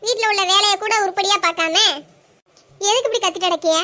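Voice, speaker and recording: A defiant young daughter-in-law from a cartoon, speaking with a Kanyakumari Tamil accent. She fires back curt, exasperated retorts in a very high, bright voice. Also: quick pace. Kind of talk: cartoon voice acting.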